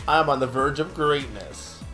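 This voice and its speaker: A man's voice: mid-range voice, moderate pace, bright, forceful tone, soft background music, lightly acted. A man voicing a pompous, gloating mad scientist villain from a video game, with theatrical threats in a panto villain manner. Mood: pompous, menacing. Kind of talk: acting out video game dialogue.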